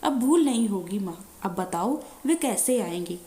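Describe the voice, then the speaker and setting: A woman's voice: mid-range voice, expressive, a little slow, dark tone, roomy sound, lightly acted. A woman voicing a devoted young daughter-in-law in a devotional story, pleading tearfully.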